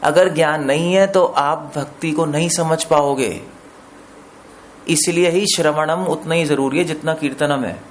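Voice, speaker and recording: Steady in tone and measured in pace, a slightly high-voiced preacher explains the meanings of scriptural words one step at a time. He poses questions to his audience and weaves in English words, with a little noise in the background.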